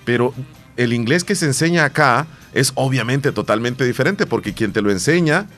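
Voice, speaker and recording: A man from El Salvador co-hosts a relaxed talk show. He rambles and circles back, often repeating a word before he finishes his thought. Faint music plays behind him. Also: mid-range voice, normal speed. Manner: rambling, repeats words and restarts. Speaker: podcast co-host. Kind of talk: casual radio-style chat.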